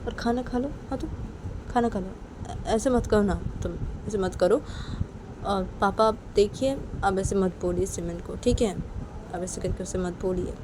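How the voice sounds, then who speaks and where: A woman's voice: medium pitch, moderate pace, noisy background, voice pushed up, close to an everyday voice. Figure: a woman playing a pleading young woman. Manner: pleading, repetitive, soft then insistent.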